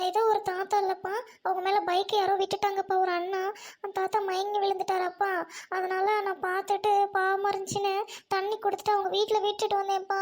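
A performer plays a young cartoon daughter pleading with her father. Her very high voice whines in quick bursts. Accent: Tamil Nadu. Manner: whining, pleading.

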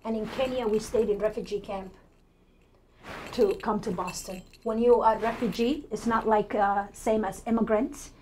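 In an indoor TV studio, a city council candidate in her forties sits at a desk and answers interview questions conversationally with a Somali accent. Her mid-range voice is steady and a little mellow, at a moderate pace. The recording is rough, with clear background noise.

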